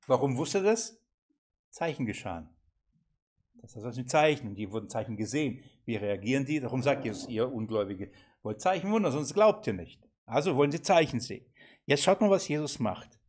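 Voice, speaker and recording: Male seminar teacher, lively and questioning, acts out quotes. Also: mid-range voice, fairly quick, breathy edge. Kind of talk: interactive Bible seminar teaching.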